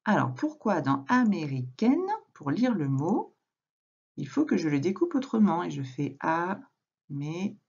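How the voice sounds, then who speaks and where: A woman teacher recording a reading lesson for a young child at home, speaking slowly and patiently, addressing the child directly. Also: on the low side, big pitch swings, vocal fry, a little mellow, husky, dull audio. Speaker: primary school teacher.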